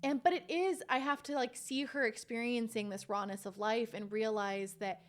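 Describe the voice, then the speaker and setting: A young woman with a fairly high voice, talking as a guest on a podcast. She tells personal stories openly and wanders off topic. Her delivery is casual and unscripted. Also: steady tone, normal speed. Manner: candid, rambling storyteller who veers off topic. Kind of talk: casual chat.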